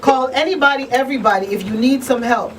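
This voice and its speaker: This high-voiced woman is a fast talker, hosting a laid-back radio talk show from a studio, where she speaks with emphasis and occasionally reads announcements. She's recorded on a distant mic, with a little background noise.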